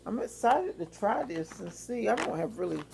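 A woman's voice: medium pitch, big pitch swings, normal speed, vocal fry, warm tone, a little hiss or hum. A woman chatting casually in a rambling, informal way for a home haul video. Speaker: vlogger. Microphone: phone or webcam.

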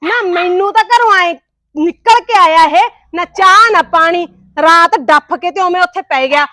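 A woman playing a jealous older sister and wife who nags and scolds in a quarrelsome, sharp-tongued way. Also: very high voice, a little slow, dry recording, full character voice. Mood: scolding. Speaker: actor in a family comedy skit.

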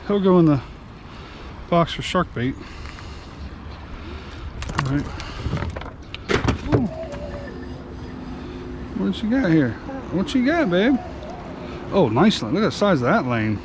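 Here the man's pitch sits fairly high as he talks to viewers of his fishing vlog from the boat. A charter captain by trade, he keeps things folksy and upbeat, with plenty of y'all. Recorded outdoors on an action camera, the clip carries engine rumble and water sounds.

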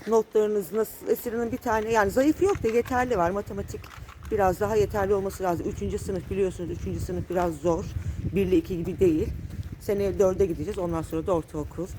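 A woman's voice: medium pitch, fairly even intonation, fast talker, dark tone, a little hiss or hum. A woman in her thirties, a mother and family vlogger, chatting in a coaxing way to her child and her viewers. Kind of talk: family vlog chat.

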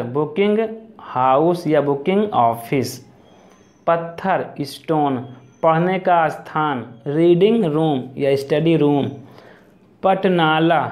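A man teaching English vocabulary, slowly reading each word and then its English equivalent, often repeating it. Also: a little high, darkish tone.

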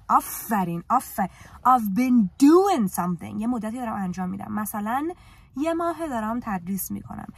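A woman with a Persian accent teaching English in a casual live lesson, lively and teasing as she coaxes her students. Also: fairly high pitch, slightly rough.

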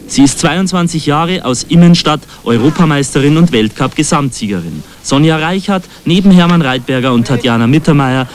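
A man's voice: on the high side, a little mellow, slight background noise. Man narrating a TV sports report. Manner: measured, informative voice-over. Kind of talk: scripted narration. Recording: voice-over with music bed.

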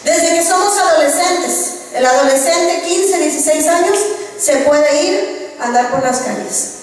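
A woman with a Mexican accent delivers a sermon in a high voice, pressing rhetorical questions on her congregation. She sounds far from the microphone, and her words ring through a big echoing hall with a long reverb. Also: unhurried. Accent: Mexican Spanish. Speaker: preacher. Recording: distant echoey hall recording.

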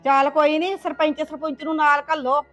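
A woman's voice: sits high, level tone, a little fast, fairly bright tone, soft background music. An actress playing an anxious village mother, sighing and pleading as she comforts her crying daughter. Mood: anxious comforting. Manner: wailing sighs, pleading and comforting. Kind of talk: web series acting.

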